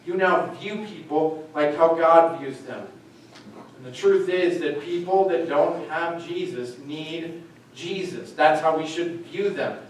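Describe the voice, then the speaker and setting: A young man preaching a sermon to his congregation in an earnest way, with wry asides about his own jokes. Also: sits high. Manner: earnest, self-deprecating asides. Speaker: pastor. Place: church sanctuary. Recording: echoey church from far off, faint noise.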